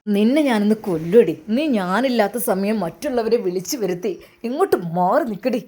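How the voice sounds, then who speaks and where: A woman's voice: on the high side, moderate pace, a little mellow, a little hiss or hum, lightly acted. A woman voicing a jealous, suspicious young husband who accuses and pleads through tears in a dramatized story reading. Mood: accusing.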